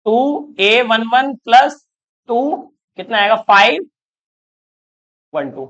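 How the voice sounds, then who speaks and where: A math teacher lectures online in a very high, fairly bright voice with big pitch swings and drawn-out words, heard through dull audio. Steps are talked through aloud with terms counted, and he keeps checking if students follow, encouraging questions.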